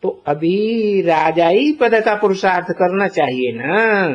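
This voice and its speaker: A man giving a slow spiritual discourse as a teacher, deliberate and posing rhetorical questions to his listeners. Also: sits high. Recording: dull lo-fi recording.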